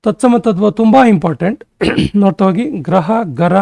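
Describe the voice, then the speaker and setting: A male exam-prep teacher giving a grammar lesson, briskly rattling off word lists. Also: high-pitched, expressive, creaky, warm tone, no room sound.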